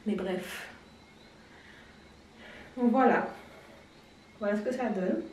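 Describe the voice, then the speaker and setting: Woman vlogger, casual explainer, mid pitch, distant and roomy sound. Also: slow pace, a little mellow. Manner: chatty, explanatory, laughs at herself. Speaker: beauty vlogger. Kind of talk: casual hair-care tutorial. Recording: very echoey room, distant mic.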